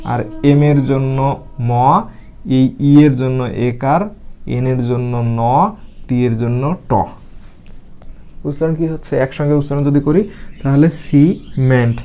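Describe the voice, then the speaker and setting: Man, teacher, spoken lesson, spells words out letter by letter, patient step-by-step explaining, dark mellow tone. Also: mid-range voice, steady tone, unhurried, pauses often, smooth, muffled recording. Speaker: English reading teacher.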